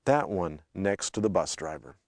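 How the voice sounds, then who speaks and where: A North American man hosting a language lesson, explaining pronunciation in a clear, steady teaching tone. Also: low-pitched, normal speed, no room sound, studio quality.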